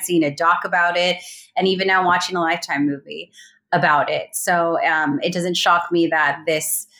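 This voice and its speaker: A woman's voice: on the low side, fairly bright tone. A woman recounting a real crime in a casual interview, hesitant with many fillers and restarts. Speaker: guest recounting a colleague's murder.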